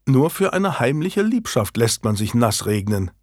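A man voicing a teasing, emotional young townswoman in a high, soft voice for an audiobook. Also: very animated, measured pace, no echo, clean studio sound.

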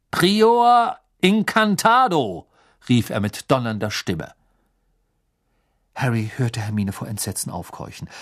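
Male audiobook narrator, lively intonation, expressive. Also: medium pitch. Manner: expressive storytelling.

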